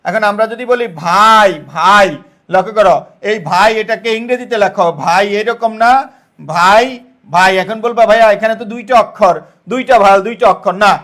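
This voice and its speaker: A man with a notably high voice teaches an online exam-prep lesson. He sounds out each word syllable by syllable, asks the same question more than once and keeps checking whether his students have understood. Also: fairly quick, fairly bright tone. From Bangladesh. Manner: explains step by step, repeats questions and checks understanding.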